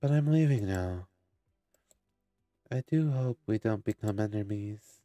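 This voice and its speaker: A man reading the lines of a grim, vengeful young man aloud, flat and slow. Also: on the low side, no room sound, pitched above the performer's own voice.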